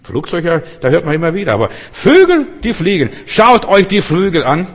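A man preaching a sermon, emphatic and direct, turning from loud outbursts to soft, low passages and putting questions to his listeners. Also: sing-song, moderate pace, slightly rough. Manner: addresses listeners directly, often with rhetorical questions. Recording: long hall reverb.

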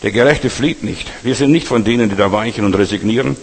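A male preacher with a husky voice giving a blunt, exhorting sermon to his congregation; German is not his first language. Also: on the low side, fast talker. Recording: long hall reverb.

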